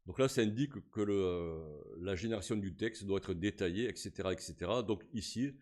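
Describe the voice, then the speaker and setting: A man, casually talking through a software tutorial step by step, with frequent fillers as he clicks. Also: deep voice, moderate pace. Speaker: tutorial host. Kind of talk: screen-recorded software tutorial.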